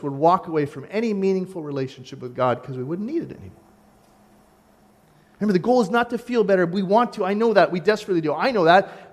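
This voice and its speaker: A male pastor delivers a sermon with an animated, direct manner, slipping into the voices of the people he quotes. His voice sits high for a man. The sound rings with the long reverb of a church sanctuary. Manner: animated preaching, acts out quoted voices, talks straight to the congregation.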